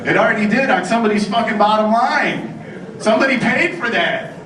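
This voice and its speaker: A man's voice: high voice, fairly quick, a crowd in the background. A man giving a sarcastic, profane conference talk, mocking his targets and bantering with the audience. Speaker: conference speaker. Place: conference hall. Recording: echoey hall, distant mic, noisy.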